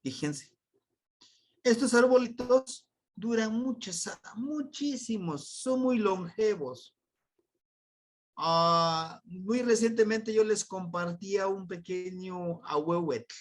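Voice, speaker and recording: A man with a Mexican accent gives an unscripted language lesson, speaking at an unhurried, deliberate pace. His voice sits a little high for a man and leaps upward whenever he stresses a word. He explains patiently, with many restarts. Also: expressive. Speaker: Nahuatl language teacher.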